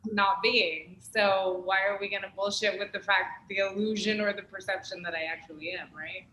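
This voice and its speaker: A woman's voice: mid-range voice, steady tone, moderate pace, pushed and bright. A woman from California, a spiritual guest speaking bluntly and swearing casually. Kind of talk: casual chat. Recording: echoey room with faint noise.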